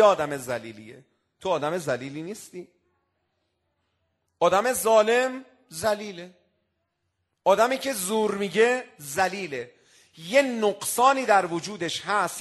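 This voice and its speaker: A man's voice: high voice, a bit bright. A male cleric delivering a sermon, building into emphatic declamations and reciting Arabic quotations. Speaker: cleric preacher.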